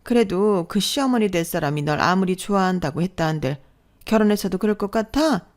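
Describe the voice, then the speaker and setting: A woman's voice: mid-range voice, animated, brisk, a little mellow, lightly acted. Woman doing a pushy guilt-tripping aunt. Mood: reproachful. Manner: insistent, reproachful guilt-tripping. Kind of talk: storytelling radio drama.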